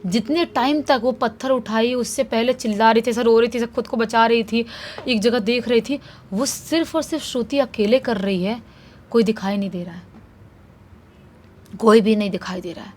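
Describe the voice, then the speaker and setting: A woman casually retelling a true horror story in an animated, conversational way. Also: on the high side, moderate pace, a little hiss or hum.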